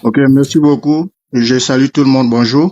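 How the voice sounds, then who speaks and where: A man's voice: mid-range voice, steady tone, a little fast, warm tone. A man from Côte d'Ivoire, speaking earnestly as a live-stream guest. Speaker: panel guest. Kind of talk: casual live-stream testimony. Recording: dull lo-fi stream audio.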